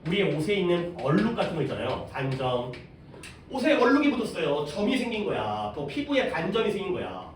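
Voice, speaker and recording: Fairly quick and very animated, the high-pitched man is a high school English teacher taking his class through a reading lesson. He explains each step and puts questions to the students. The recording has an echoey room, a distant mic and faint background noise.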